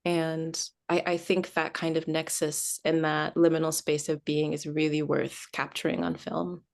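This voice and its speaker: Thoughtful young woman with vocal fry. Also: low-pitched, flat delivery, unhurried, darkish tone. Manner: thoughtful, reflective. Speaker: screenwriter. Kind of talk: interview answers.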